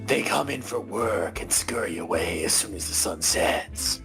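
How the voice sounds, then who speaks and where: A hard-boiled noir narrator , voiced by a man, drags each line out in a slow, raspy whisper. The voice is gravelly and brooding, with background music clearly audible under it. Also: deep voice, lively intonation, exaggerated voice. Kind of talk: dramatic reading for a comedy group read-along.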